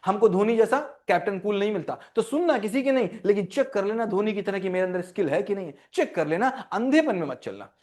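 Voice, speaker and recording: A man giving an animated motivational talk to teens as a life coach, repeating lines for emphasis and mixing Hindi with English. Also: high-pitched. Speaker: parenting mentor and life coach. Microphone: online session.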